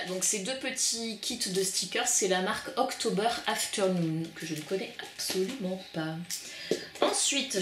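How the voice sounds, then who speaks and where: A woman's voice: medium pitch, fairly bright tone. A woman vlogger chatting casually and enthusiastically about her craft supply haul, with lots of fillers. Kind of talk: casual haul show-and-tell. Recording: echoey room with faint noise.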